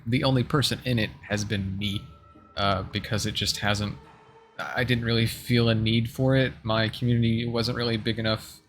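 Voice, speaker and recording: A man's voice: on the low side, fairly bright tone. A man giving casual announcements as a live streamer, rambling a little and restarting his sentences to correct himself. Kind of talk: casual livestream announcements to viewers.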